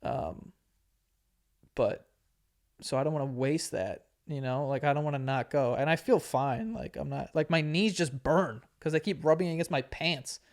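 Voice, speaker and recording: A man's voice: a little high, moderate pace. A man in his late twenties telling a story in casual chat, laid-back and profane, laughing often and acting out what people said. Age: 20s. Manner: laid-back, swears a lot, laughs often, acts out quotes. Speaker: podcast host.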